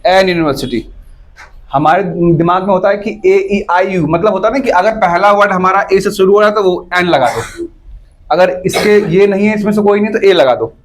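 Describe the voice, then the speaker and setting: Guy teaching a grammar class, fairly high voice, keeps asking "clear?" and going over stuff again. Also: fairly quick, slight background noise. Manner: keeps checking whether students follow, repeats points. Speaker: English teacher. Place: classroom with students.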